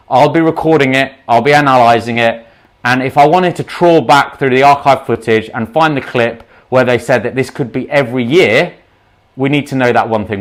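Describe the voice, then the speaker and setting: With a bit of a sniffle and a mildly sore throat, a doctor speaks straight to his livestream audience without a script. His pitch is an ordinary male middle range. Outspoken and fervent, he keeps slipping into side remarks.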